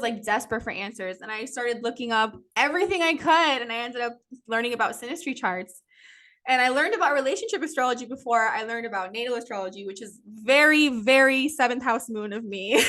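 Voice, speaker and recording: This astrology teacher has a fairly bright voice that sits on the high side. Her class is relaxed and talkative, peppered with "like" and "um" and frequent little laughs.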